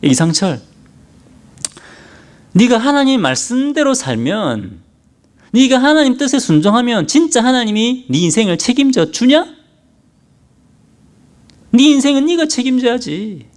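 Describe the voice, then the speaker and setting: A man's voice: very high voice, very animated, a little slow, pauses often, pitched above the performer's own voice, exaggerated voice. A man putting on a mocking Satan. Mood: taunting. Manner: mocking, goading, talks down to the listener. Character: taunting male Satan, a scornful whispering tempter.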